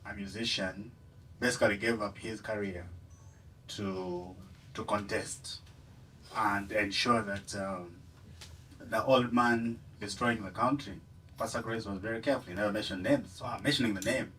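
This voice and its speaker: Man, audience question, impassioned, bright tone, off-mic. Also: lowish voice, fairly even intonation, normal speed, recorded from a distance, a little hiss or hum, low-quality recording. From Uganda. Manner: impassioned, rises and falls in force, laughs between points. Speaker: audience member asking a question. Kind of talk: passionate question from the floor.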